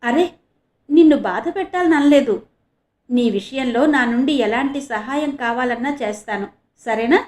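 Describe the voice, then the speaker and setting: A playful young woman teases with bright, raised delivery, voiced by a woman narrator. Her voice sits fairly high and lifts further in her quips. It suits a storybook audio novel. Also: moderate pace, roomy sound, lightly acted. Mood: teasing.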